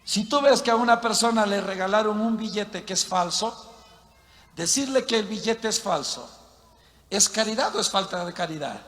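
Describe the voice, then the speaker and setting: A man preaching a sermon, emphatic, asking the crowd questions and swinging between shouts and hushed talk. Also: high voice, moderate pace, in a large hall. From southern Mexico near the Guatemala border.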